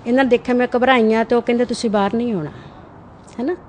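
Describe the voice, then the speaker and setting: Middle-aged woman telling what happened, talks quick, kinda high voice, keeps going "right?". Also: fairly even intonation, darkish tone, a little hiss or hum. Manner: earnest, keeps adding "right?" tags. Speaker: interviewee. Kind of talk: recounting an incident in an interview.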